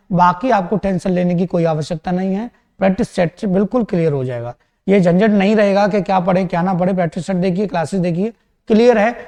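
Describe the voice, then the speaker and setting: High-pitched guy doing exam math prep, quick and reassuring, echoey room. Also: darkish tone. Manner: brisk, reassuring, often checks in with students. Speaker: math teacher.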